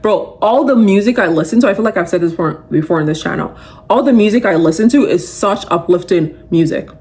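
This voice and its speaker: With a medium-pitched voice and a slightly fast pace, a young woman podcast host delivers a motivational talk that's casual, animated and emphatic. Her speech is conversational and full of fillers.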